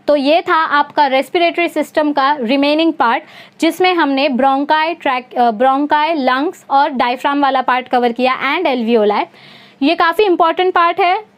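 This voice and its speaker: A young woman with an Indian accent teaching a biology lesson in Hindi and English. She explains step by step and keeps asking her students questions. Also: high-pitched. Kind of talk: online exam-prep lecture mixing Hindi and English.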